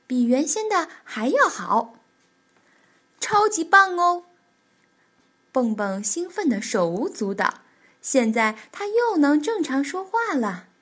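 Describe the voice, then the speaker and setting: A woman reading a children's picture book aloud as a storyteller, animated and expressive. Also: high voice.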